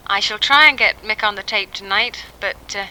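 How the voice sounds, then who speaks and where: On a 1960s home tape made in a quiet house, a mother from England in her thirties speaks an informal letter to her family, hesitating and filling pauses with ums. Her medium-pitched voice sounds pushed and bright. Slight background noise marks the low-quality recording.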